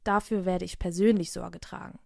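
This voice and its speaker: A woman reading aloud as a self-assured male railway entrepreneur who gives firm orders and calm reassurance. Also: lowish voice, normal speed, vocal fry, dry recording, clean studio sound, voice pushed down. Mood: reassuring. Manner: commanding, reassuring.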